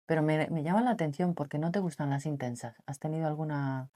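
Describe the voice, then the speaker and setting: A woman speaks to camera in a deep, slightly husky and mature voice. She keeps her tone deliberately soft and reflective, often turning to the listener with rhetorical questions. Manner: speaks softly and lowered on purpose, asks the listener rhetorical questions. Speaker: vlogger on relationships. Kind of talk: reflective personal talk to camera.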